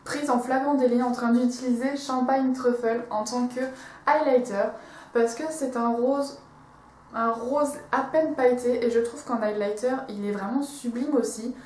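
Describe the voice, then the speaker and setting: A woman's voice: on the high side, steady tone, moderate pace, a little mellow, echoey room, a little hiss or hum. A woman reviewing a makeup palette in a casual, enthusiastic vlog, with many fillers and restarts. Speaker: beauty vlogger.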